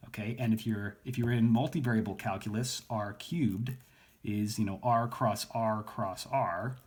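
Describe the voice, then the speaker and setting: Husky casual male math lecturer. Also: on the low side, moderate pace. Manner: relaxed, filler-heavy explaining with self-corrections. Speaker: math instructor.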